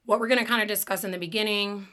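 A woman podcast host with a raspy smoker's voice, chatting casually and informally about true crime, with swearing and jokes. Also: medium pitch, fairly even intonation, racing, pushed and bright.

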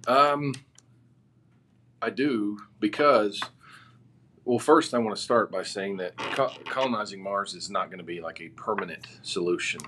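A man as a podcast guest, giving relaxed, rambling answers with many fillers. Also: lowish voice, unhurried, slight background noise. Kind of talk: casual interview answers.

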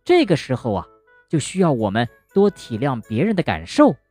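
A woman narrating a children's bedtime story gently and expressively, speaking to a young listener. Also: extremely low pitch, huge pitch swings, moderate pace, faint music behind.

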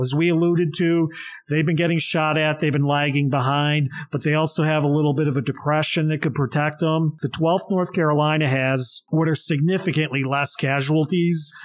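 A man's voice: fairly high pitch, muffled recording. Enthusiastic man co-hosting a history podcast. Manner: enthusiastic, addresses listeners directly. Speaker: podcast co-host.

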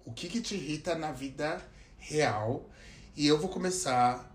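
High-pitched Brazilian man, animated venting. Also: measured pace, noisy background. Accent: Brazilian Portuguese. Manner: animated, laughing, vents with acted-out quotes. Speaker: podcast guest. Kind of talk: casual podcast chat. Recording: roomy echo.

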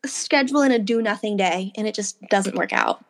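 A woman's voice: mid-range voice, normal speed. A young woman co-hosting a casual chat, telling anecdotes by acting out who said what, with plenty of "like". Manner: anecdotal, acts out quoted exchanges, frequent "like". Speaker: podcast co-host.

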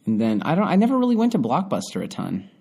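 A young man co-hosting a podcast, easygoing and quick to laugh, with a few stammers. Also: mid-range voice, wildly swooping pitch, gravelly, dark tone, husky. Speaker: podcast co-host. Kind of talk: casual chat.

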